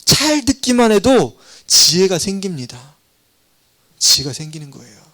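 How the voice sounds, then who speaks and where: A middle-aged man, a pastor, preaching a sermon in a church and telling stories with animated voices. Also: sits high, a little slow, no echo. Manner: animated storytelling, acting out voices in quotes. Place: church sanctuary.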